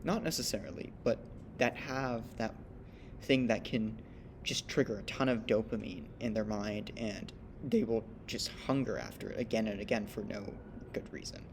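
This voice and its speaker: A man's voice: on the low side, normal speed, noisy background. A man co-hosting a podcast, explaining ideas thoughtfully and often checking in with "right?". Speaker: podcast co-host. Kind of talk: casual discussion.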